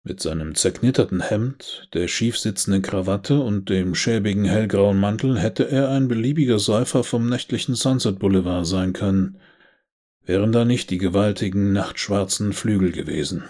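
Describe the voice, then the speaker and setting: A man narrating a dark audiobook in a measured, deliberate reading voice. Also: on the low side.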